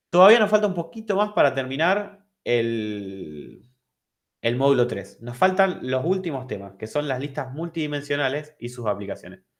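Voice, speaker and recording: A man with an Argentine Spanish accent teaching an online programming class, explaining step by step and checking if his students follow. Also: medium pitch. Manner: explanatory, repeats and restarts, asks if understood.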